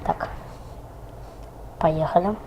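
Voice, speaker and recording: A woman's voice: takes it slowly, lo-fi sound, very noisy. A woman commentating her playthrough in a casual way, muttering and reading menus aloud. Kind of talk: casual play-along commentary.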